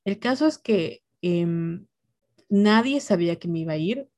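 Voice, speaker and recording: A woman's voice: lowish voice, expressive, unhurried, darkish tone, dry recording, clean studio sound. A young woman with a Mexican accent, telling a personal story in casual podcast chat, full of slang and quoted dialogue. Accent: Mexican Spanish.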